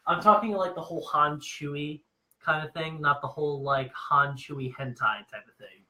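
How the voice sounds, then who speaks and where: A young man co-hosting a casual podcast chat, teasing and animated. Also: fairly high pitch, moderate pace. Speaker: podcast co-host. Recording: roomy echo.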